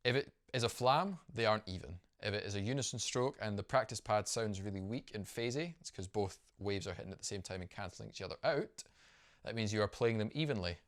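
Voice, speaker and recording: Upbeat man teaching drum rudiments. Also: on the low side. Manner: upbeat, explanatory, counts rhythms aloud. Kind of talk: instructional video lesson.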